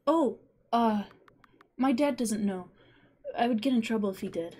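A woman voicing a shy, cheerful little scarecrow boy, eager and quick-spoken. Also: a little high, a little mellow, husky.

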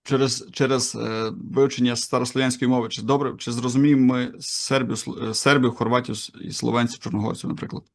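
A male interviewer with a gravelly, creaky voice talks casually. He asks curious questions and adds his own stories. His voice sits at a middle pitch. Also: little pitch movement, brisk, hardly any pauses. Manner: casual, curious, shares personal anecdotes. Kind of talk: conversational interview.

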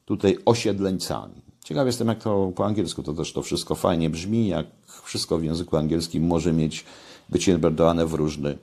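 An older man speaks a little fast in a low, darkish voice while giving casual, conversational commentary to camera from his home kitchen. He emphasizes key points by raising his voice, and the mic is a desk webcam.

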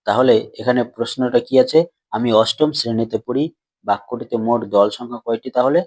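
A man teaching grammar to schoolchildren, patiently asking questions and answering them himself, and slowly stretching words out as he splits syllables. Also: mid-range voice, darkish tone. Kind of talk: classroom lesson explanation.

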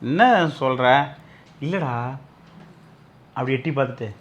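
A man directing comedy skit takes in casual chat, bossy and teasing, quick to raise his voice. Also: mid-range voice, a bit bright, dull audio.

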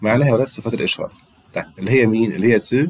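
A man's voice: fairly low pitch, racing, breathy edge. A man with an Egyptian Arabic accent, teaching a French grammar lesson to students and patiently repeating words for them to drill. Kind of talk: classroom-style grammar lesson.

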